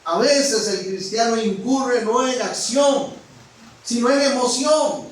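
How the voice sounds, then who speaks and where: A man preaching a sermon as pastor, frank and direct with his congregation, swinging from loud exclamations down to a hush. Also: very high voice, takes it slowly. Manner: preaching with rising exclamations and sudden drops to a hush. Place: church hall. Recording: echoey hall, mic at a distance.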